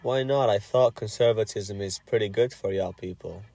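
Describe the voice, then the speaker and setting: A man's voice: lowish voice, moderate pace, dark tone, dry recording. A man in his twenties from Algeria, chatting with strangers online in a blunt, curious way and swearing freely. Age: 20s. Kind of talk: casual chat.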